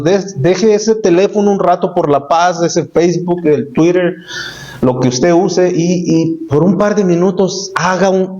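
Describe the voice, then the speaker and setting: Male pastor, conversational sermon, slightly high voice, dull lo-fi church recording, repeats for emphasis. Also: darkish tone. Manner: plain conversational preaching, rising emphasis with repetitions. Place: church sanctuary.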